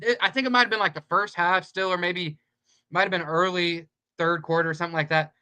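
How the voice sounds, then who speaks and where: A man co-hosting a sports talk show, talking in an animated way, full of "like" and quick asides. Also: high voice, clear, resonant tone. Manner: animated, says "like" a lot. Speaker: podcast co-host. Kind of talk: casual sports chat.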